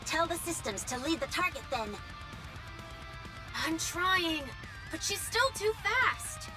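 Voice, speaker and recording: A woman's voice: extremely high pitch, sing-song, slow, over music, heavily acted. A woman voicing brash, theatrical young heroines in an anime video game. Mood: urgent.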